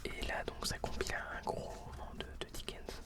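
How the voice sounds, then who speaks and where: A man's voice: normal speed, recorded from a distance. A man whispering hesitantly right into the listener's ear as an ASMR host, recorded at home on a close binaural microphone. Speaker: ASMR video host presenting old books. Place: indoors at home.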